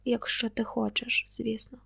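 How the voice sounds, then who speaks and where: A woman's voice: on the high side, level tone, a little slow, creaky, sharp tone, breathy edge, exaggerated voice. A woman voicing a tired, troubled young man speaking tersely to his lover. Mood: weary.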